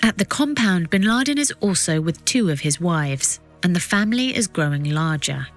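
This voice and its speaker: A woman reading scripted documentary narration as a podcast narrator, with measured, suspenseful storytelling. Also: fairly low pitch, lively intonation, soft background music.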